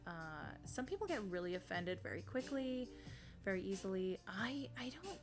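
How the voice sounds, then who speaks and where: A woman streaming live, chatting casually with viewers, rambling and self-deprecating, sniffling, bursting into excited greetings as she reads the chat. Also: medium pitch, moderate pace, over music. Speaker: streamer debuting a virtual fairy-empress persona.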